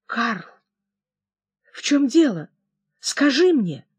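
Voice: medium pitch, big pitch swings, drawn-out words, husky, pitched above the performer's own voice, heavily acted. An audiobook reader voicing a frightened young woman who anxiously pleads with her lover. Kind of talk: audiobook character reading.

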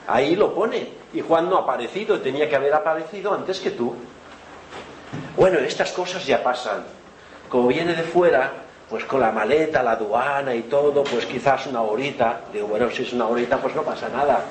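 A man's voice: mid-range voice, a little fast. Chatty man telling a story in a noisy hall. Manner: chatty anecdote-telling, often laughing. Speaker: event organizer. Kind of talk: storytelling to an audience. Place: lecture hall with audience. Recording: roomy hall with noise.

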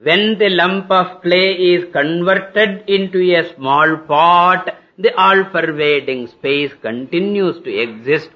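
A man with a South Indian accent giving a spiritual lecture, explaining step by step in a didactic way with rhetorical questions and deliberate repetition. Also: high voice. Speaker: spiritual teacher. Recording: dull lo-fi lecture recording.

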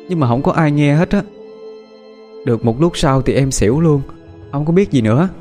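A scared, grieving young country girl, voiced by a man, in a mellow, warm tone. She talks softly and haltingly, as in an audio ghost story, with faint music behind. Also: medium pitch, lightly acted. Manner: soft, halting, tearful storytelling.

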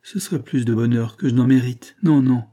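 A man's voice: medium pitch, fairly quick, dark tone, close to an everyday voice. A man reading a feverish, moaning sick glassmaker. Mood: pleading. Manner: plaintive, moaning, pleading. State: feverish and in pain. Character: sick, self-pitying middle-aged male glassmaker.

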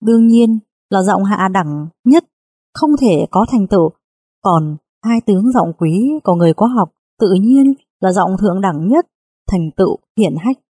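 Female audiobook narrator, mellow and slightly husky, steady measured delivery. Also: mid-range voice, no room sound, clean studio sound. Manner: measured, phrase-by-phrase reading.

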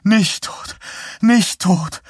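A man voicing a frantic middle-aged mother who wails and prays in a high, shrill voice. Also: drawn-out words, darkish tone, slightly rough, no echo, clean studio sound, heavily acted.

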